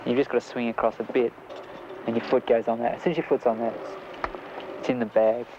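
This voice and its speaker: A man's voice: medium pitch, fairly even intonation, fast talker. A man calling out casual climbing directions outdoors. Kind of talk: casual called-out climbing instruction. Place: outdoors at a rocky cliff. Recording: dull 1970s location film sound, very noisy.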